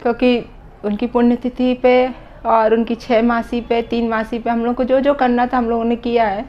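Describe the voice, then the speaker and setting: A woman in her thirties vlogging about a loss, talking slowly and heavy-heartedly, her voice dropping low at times. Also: flat delivery, dull audio. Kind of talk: emotional personal vlog talk.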